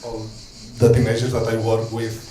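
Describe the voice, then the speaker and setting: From Catalonia, Spain, a street social educator reads an earnest English talk from notes in a Catalan-Spanish accent, hesitant with ums, restarts and warm asides. His lowish voice is completely flat at normal speed. It's a rough, reverberant recording with a little hiss or hum.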